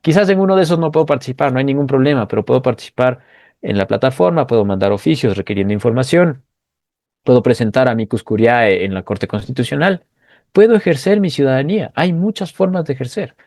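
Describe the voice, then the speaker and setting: A man at a mid pitch speaks as the guest of an online interview, earnest and explanatory. He sometimes stumbles over repeated words while he thinks. The call audio is dry and close. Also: lively intonation, fast talker, darkish tone, no echo. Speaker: guest economist. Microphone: video call.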